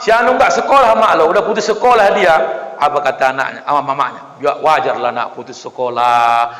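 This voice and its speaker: A man preaching a humorous sermon, acting out villagers' voices and joking with the congregation. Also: high voice. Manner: lively, acts out voices of villagers, jokes with the audience. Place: mosque hall. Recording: echoey hall with long reverb.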